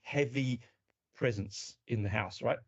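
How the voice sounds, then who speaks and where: A man's voice: mid-range voice, unhurried, creaky. A man with an Australian accent telling a story in casual chat, acting out the quotes and swearing casually. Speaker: podcast guest or host. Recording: dull lo-fi sound.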